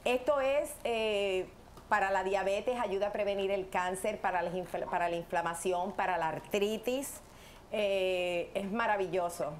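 A woman's voice: medium pitch, measured pace. A woman in her forties hosting a live cooking show in a large home kitchen, bubbly and exclaiming as she tastes food, recorded on a lapel mic. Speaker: host. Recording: noisy kitchen background.

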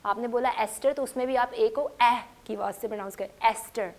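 A woman's voice: on the high side, fairly even intonation, fairly quick. A woman teaching English phonics to a class, patiently stressing each letter sound. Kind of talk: classroom lesson.

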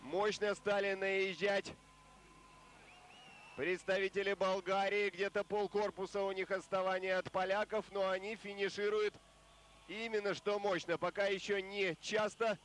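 A male sports commentator giving live race commentary, measured and explanatory at first and pressing harder as the boats near the finish. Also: high voice, little pitch movement, a bit bright, slight background noise.

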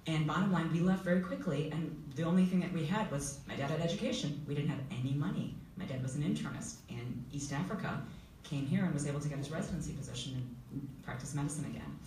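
A woman's voice: low-pitched, fast talker, few pauses, darkish tone. A woman from Uganda, a panelist telling her life story in an upbeat way, recorded in a school hall. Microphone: table mic heard from far camera. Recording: echoey hall from far off, faint noise.

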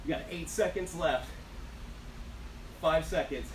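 Speaking slowly in a voice on the high side, this male fitness instructor runs a timed aerobics session with brief motivating commands and countdowns while working out himself. He is captured from a distance by a camera several metres off on a covered porch outdoors, giving echo and a faint layer of noise.

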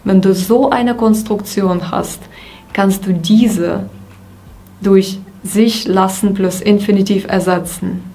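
A woman with a creaky, gravelly edge to her voice teaches a grammar lesson. She reads her example sentences slowly and deliberately and says each one twice. Her pitch sits in a middle range. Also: steady tone, mellow. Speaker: German teacher.

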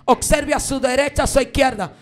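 A woman preacher, telling her story in a fiery sermon and breaking into shouted praise. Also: high-pitched, brisk. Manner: shouts and chants praise between stories.

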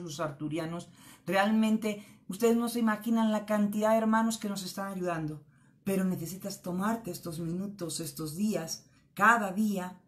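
A middle-aged woman giving an earnest spiritual motivational talk, often tagging her phrases with a questioning "¿eh?". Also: mid-range voice. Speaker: spiritual speaker.

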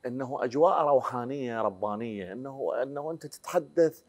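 On an indoor TV studio set, a talk show host in his forties with an Iraqi Arabic accent asks probing questions in an interview. His medium-pitched voice is animated and fast.

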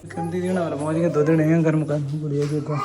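A man's voice: on the high side, little pitch movement, fast talker. A man vlogging casually at home, chatty, giving directions to family as he films. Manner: chatty, instructing family members. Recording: noisy home background.

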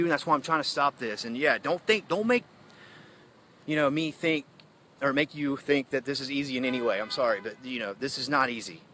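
A man's voice: medium pitch, sharp tone, a little hiss or hum. A man ranting in an emotional phone livestream, heated and accusatory, rambling with many asides. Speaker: citizen activist livestreaming.

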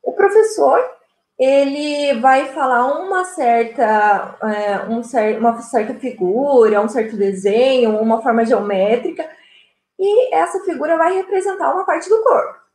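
High-voiced Brazilian woman, echoey room. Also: lively intonation, measured pace, darkish tone. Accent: Brazilian Portuguese. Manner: explanatory, many fillers like "né" and "é". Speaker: seminar moderator presenting student work. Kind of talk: online seminar presentation.

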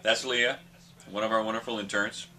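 Rambling radio host, man, bright tone. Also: fairly low pitch, flat delivery, moderate pace. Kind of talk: casual chat.

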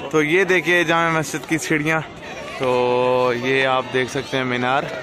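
This young man from Jammu and Kashmir, India, is a travel vlogger narrating casually into a phone at arm's length as he points out sights outdoors on busy streets, in vehicles and at monuments. He speaks in a flat, mid-range voice at a measured pace, amid crowd noise and street traffic.

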